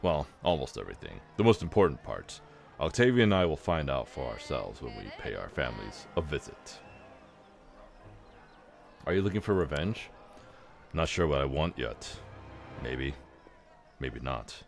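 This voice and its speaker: A sardonic half-orc warrior, as a man puts him on, growls his lines in a very deep, gravelly voice. His drawl rises and falls with mocking swings, and soft music plays under him. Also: very animated, moderate pace, long pauses, full character voice.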